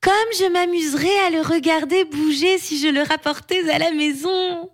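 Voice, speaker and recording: Woman doing an excited little giant girl. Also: moderate pace. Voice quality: high childlike voice.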